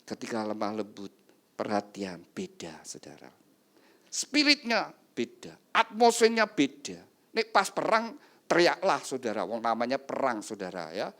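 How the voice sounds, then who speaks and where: A man preaching a wedding sermon, often rising loud for emphasis. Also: medium pitch, wildly swooping pitch, a little slow. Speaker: pastor.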